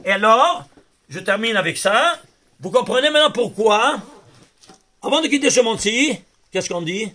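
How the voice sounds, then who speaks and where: A man teaching as a rabbi, his voice set high and bright. He works through numbers with animated exclamations and talks directly to the people in front of him. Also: normal speed, long pauses. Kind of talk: Torah lesson on gematria.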